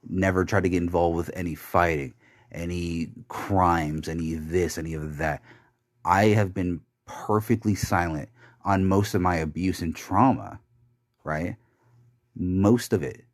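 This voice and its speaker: A young adult man whose voice sits low records a podcast confession in studio quality with no room sound. Bitter and rambling, he swears frequently and keeps stopping, restarting and filling.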